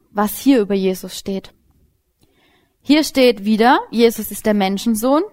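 Young woman preaching, kinda high voice, chatty and lively, talks right at you. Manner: casual, lively, talks directly to listeners. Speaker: Bible teacher. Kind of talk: informal sermon.

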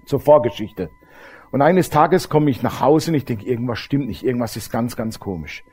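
A man's voice: mid-range voice, normal speed, a little mellow, slightly rough. A middle-aged man, preaching a testimony sermon and telling his story straight to the congregation. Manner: storytelling, addresses the audience directly.

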